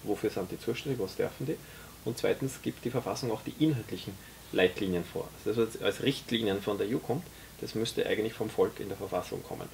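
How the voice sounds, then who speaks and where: A man in his forties, a guest and author, explaining his ideas in a relaxed conversation with many hesitations, recorded in a small café. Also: on the low side, quick pace, vocal fry, slight background noise. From Austria. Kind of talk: casual conversation. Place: tea room in a small café.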